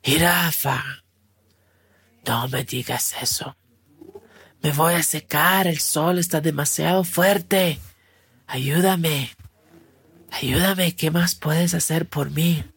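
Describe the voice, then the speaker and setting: A woman voicing a grumpy, ancient male crocodile who talks slowly and pleads for help. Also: low-pitched, slightly rough, exaggerated voice. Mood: pleading.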